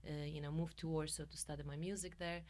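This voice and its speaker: In an interview conversation, a middle-aged Polish woman who works as a coach and musician talks expressively as the guest, laughing often. She has a Polish accent and a deep, darkish voice, speaking quickly with a level tone.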